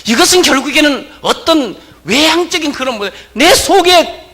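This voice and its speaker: Middle-aged male pastor preaching with a bright, animated delivery and emphatic repetition. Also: very high-pitched, normal speed. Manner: emphatic preaching, repeating key words, asking the congregation questions. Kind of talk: sermon.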